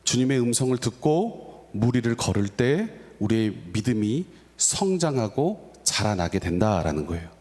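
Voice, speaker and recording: A man's voice: mid-range voice, sing-song, normal speed, a little mellow. A man preaching a sermon as a pastor, talking with dramatic swings in his voice. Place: church sanctuary. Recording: reverberant church hall.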